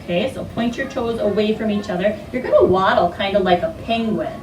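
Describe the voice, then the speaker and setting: A woman leads an interactive read-aloud for young children in a carpeted classroom, giving simple instructions and asking frequent questions. Her voice is mid-range and a little fast, with faint music behind it. The room is echoey and noisy, and the mic is distant.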